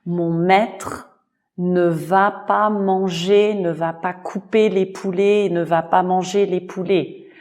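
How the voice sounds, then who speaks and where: Very slow-spoken woman storyteller. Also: fairly low pitch. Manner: very slow, repetitive, expressive. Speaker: storyteller and language teacher. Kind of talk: slow storytelling for French learners.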